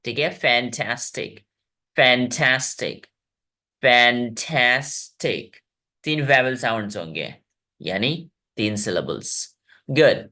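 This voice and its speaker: A man's voice: mid-range voice, lively intonation, pushed and bright. A man teaching an online English class to children, encouraging them and stretching out words to demonstrate sounds. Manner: encouraging, drawn-out word demonstrations.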